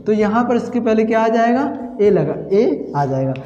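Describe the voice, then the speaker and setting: A man's voice: sits high, very animated, normal speed, warm tone. Echoey Hindi-speaking grammar teacher, man. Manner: repetitive, quizzing himself with questions. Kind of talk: Hindi classroom lesson at a whiteboard. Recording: echoey room, dull lo-fi sound.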